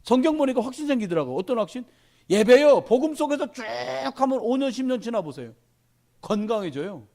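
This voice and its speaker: A man's voice: very high-pitched, very animated, fairly quick, a little mellow. A middle-aged male pastor preaching a sermon to his congregation in a church, talking animatedly and addressing them directly.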